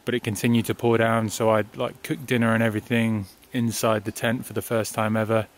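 A tired young man, a touring cyclist, chatting casually to his camera outdoors by a highway and laughing often. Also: flat delivery, fairly quick. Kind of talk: casual video diary.

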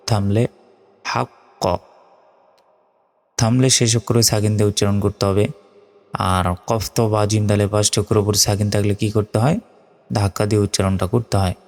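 A man with a Bangladeshi accent, teaching Quran reading by spelling out letters and then chanting each verse slowly. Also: lowish voice, a little mellow, long reverb tail. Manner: slow and deliberate, chanting verses.

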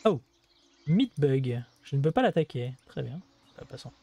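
A man's voice: medium pitch, sing-song, moderate pace, gravelly, warm tone. A man hosting a gameplay video, casually explaining the game in a chatty way with many hesitations and asides.

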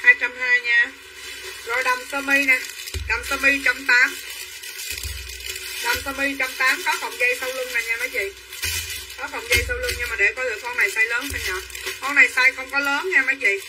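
A woman's voice: sits high, fairly even intonation, moderate pace, long pauses, far from the mic. A woman selling clothes on a livestream, chattering in a repetitive hard-sell patter and calling buyers by name. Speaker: online clothing seller. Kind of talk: livestream sales pitch. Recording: voice a bit off-mic with faint room noise.

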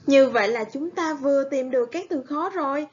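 A woman primary school teacher with a Southern Vietnamese accent, giving a recorded reading lesson in a slow, careful, over-articulated classroom manner. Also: sits high. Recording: dull lo-fi recording.

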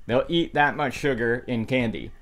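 A middle-aged man presents a video game show casually to camera, adding tongue-in-cheek horror-host flourishes. He has a mid-range voice at normal speed and is in a small, dark indoor room with guitar music in the background.

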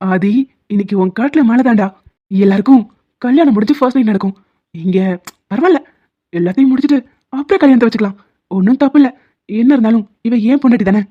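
A woman voicing a playful, teasing young man in an animated series, bantering and quick to anger. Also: on the high side, lightly acted. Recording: phone-like lo-fi sound, faint music.

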